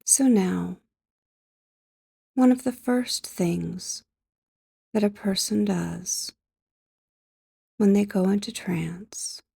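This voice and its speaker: This is guided sleep hypnosis from a woman whose mid-range voice is soft, breathy, and close to a whisper. Gentle and measured, she lets long pauses fall, sits close on the microphone, and the audio carries no room sound.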